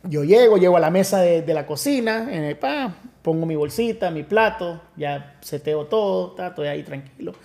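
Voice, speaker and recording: A pastor, telling an emotional personal testimony with many restarts and acted-out quotes. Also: male voice, high voice, expressive, normal speed, gravelly, few pauses, a little mellow. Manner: storytelling with many restarts, acts out quoted voices. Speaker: pastor, podcast guest.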